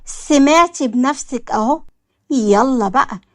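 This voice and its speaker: Woman voicing scheming jealous Egyptian woman, mocking, cold, fairly high, dry. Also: measured pace, no room sound.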